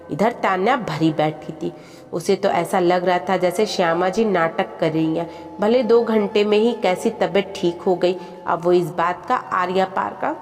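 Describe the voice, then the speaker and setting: A woman narrating a family moral tale in a steady, plain storytelling manner, then asking listeners to comment and subscribe. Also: lowish voice. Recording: long reverb with background music.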